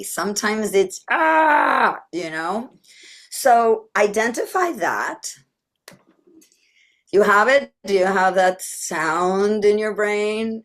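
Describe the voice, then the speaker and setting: A woman giving a playful motivational talk as a mindset coach, laughing often and slipping into childlike voices. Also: medium pitch.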